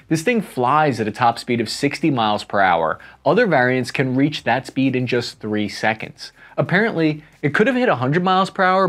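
A young man reading a scripted video-essay narration with wry, playful asides. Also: medium pitch.

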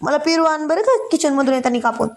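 Woman doing a young husband, stern but sweet, story read aloud, voice on the high side. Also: very animated, a little fast, a little mellow. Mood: fond. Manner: scolding.

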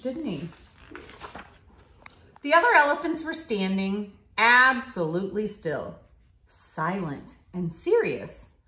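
A woman in her thirties from a school reads a picture book expressively to a child, keeping her words simple and teacherly. Her voice is a little high and a bit bright. It's recorded on a leather couch in a living room, with the camera a short way off and a roomy, echoey sound.

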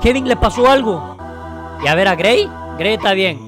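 High-pitched man, gameplay commentary, dramatic startled shouts, faint music behind. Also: lively intonation, moderate pace. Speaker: gaming YouTuber.

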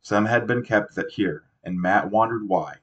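This amateur audiobook reader is a man with a fairly low voice, a breathy edge and a measured pace. Narrating a novel, he frequently stumbles and fixes his own mistakes, captured on a dull, lo-fi recording.

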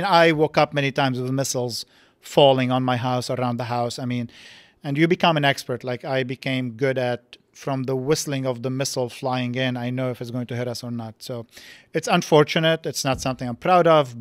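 A man in his forties from Lebanon talks slowly and thoughtfully as a podcast guest, circling back and restarting his sentences. His pitch sits in the middle range, and the studio sound is close and dry with no room echo. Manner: reflective, halting with many restarts. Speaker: podcast guest, physics professor. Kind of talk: casual interview talk. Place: studio set with dark curtains. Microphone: boom mic on stand.

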